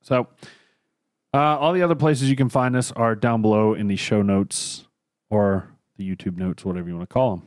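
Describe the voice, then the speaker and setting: A podcast co-host with a lowish, darkish voice chats casually at a moderate pace, rambling and losing his train of thought. He has a lingering cough and tickly throat, recorded cleanly in a studio with no echo.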